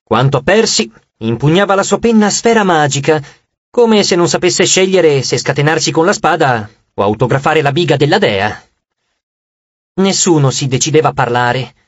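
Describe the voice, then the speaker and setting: A man narrating an audiobook chapter with expressive storytelling. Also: on the high side, normal speed, no echo, muffled recording. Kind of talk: scripted narration.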